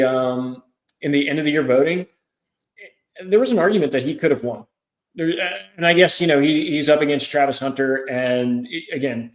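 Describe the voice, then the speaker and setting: A man co-hosting a sports podcast, giving his views in a measured way that is full of fillers and restarts. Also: mid-range voice. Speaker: podcast co-host. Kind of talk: casual sports chat. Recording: echoey room.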